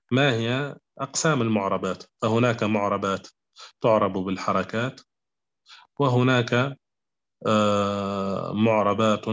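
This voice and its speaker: A man teaching a grammar lesson, speaking slowly and repeating his examples, often checking with the class whether it is clear. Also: on the low side, fairly bright tone. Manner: slow, repetitive, asks "clear?" often. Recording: dull lo-fi recording.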